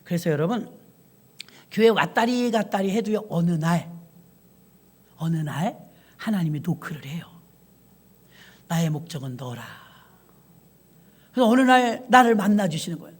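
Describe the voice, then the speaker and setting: A woman pastor preaching a sermon, telling stories and speaking directly to the congregation. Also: high-pitched. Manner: lively storytelling, addresses congregation directly.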